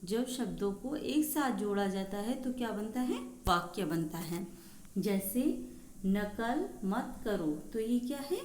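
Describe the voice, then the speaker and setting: A woman's voice: mid-range voice, lively intonation, slow pace, darkish tone. A woman school teacher giving a recorded lesson to young children, speaking patiently, spelling out words and repeating answers. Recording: echoey room, faint background noise.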